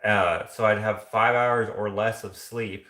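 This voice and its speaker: A man with a lowish voice and a bright, forceful edge to his tone talks casually to his viewers on a live stream. He rambles and restarts his sentences, with a lot of filler words as he goes. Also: fairly even intonation, measured pace, reverberant. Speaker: vlogger.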